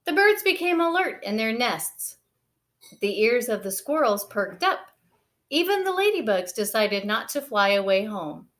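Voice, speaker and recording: Reading a children's picture book aloud, a woman storyteller brings an expressive storytelling style, her voice fairly high and a little slow.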